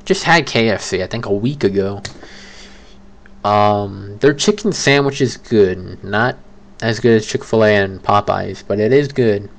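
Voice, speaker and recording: A young man with a lowish voice talks casually and rambles, stopping to correct himself as he goes. His delivery is loose and chatty, like someone thinking out loud for his viewers. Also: unhurried, gravelly. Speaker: creator ranking fast food. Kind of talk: casual solo commentary.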